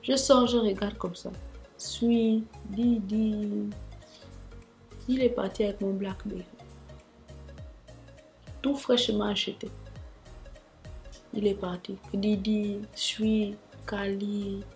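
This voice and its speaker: A woman's voice: mid-range voice, fairly even intonation, slow, pauses often, darkish tone, soft background music. A young woman telling a dramatic storytime vlog, talking straight to her viewers with asides. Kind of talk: animated storytime monologue.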